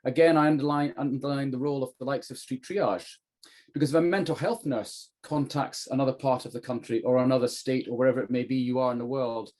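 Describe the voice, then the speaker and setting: Guy in his middle years doing a training talk, informal, explains stuff, average pitch. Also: fairly even intonation, fast, darkish tone. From UK, northeast England. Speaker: trainer, former police officer. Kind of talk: informal lecture in a training session.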